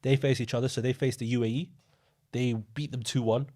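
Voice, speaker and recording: A young man co-hosting a podcast, chatting casually about football and telling rambling, animated stories. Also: medium pitch, brisk. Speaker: podcast co-host.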